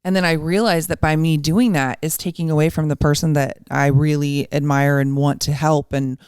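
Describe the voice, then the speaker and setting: A woman in her fifties with a low voice talks casually as a podcast co-host. She jokes at her own expense and laughs easily, and her voice sounds dry and close. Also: fairly even intonation, normal speed, darkish tone, clean tone, dry recording. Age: 50s. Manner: joking, self-mocking, laughs often. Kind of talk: casual chat.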